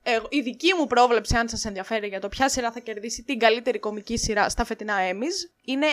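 A young woman co-hosting a podcast, chatting casually and giving her opinions as she runs through a list. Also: fairly high pitch. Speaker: podcast co-host. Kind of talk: casual chat.

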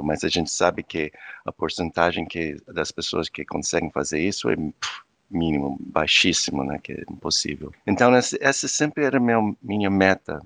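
Guest, 50s man, low gravelly voice, dry sound. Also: fairly bright tone, no room sound. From United States. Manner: thoughtful, searching for words. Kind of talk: reflective interview talk.

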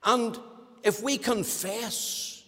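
A man preaching a sermon as pastor, emphatic, moving from loud declarations to near-whispers. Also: high voice, steady tone, very slow. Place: church. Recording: long church reverb.

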